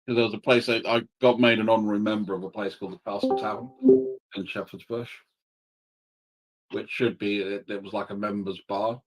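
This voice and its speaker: A British man whose accent shifts between Scottish, Northern and Southern English, speaking in a slightly low voice. He chats casually over a computer mic, swears freely and loves telling a dirty joke. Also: steady tone, fairly quick, faint music behind, rough recording. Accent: mixed British, Scottish, Northern and Southern English. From United Kingdom. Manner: joking storyteller, swears freely. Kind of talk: casual chat.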